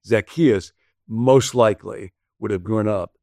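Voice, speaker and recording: A man gives a sermon-style lesson in a conversational, explanatory way, reading scripture and adding casual asides. His voice sits low with a gravelly edge. The sound is dry and close. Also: measured pace, mellow, no room sound. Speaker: pastor. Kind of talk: sermon-style video teaching.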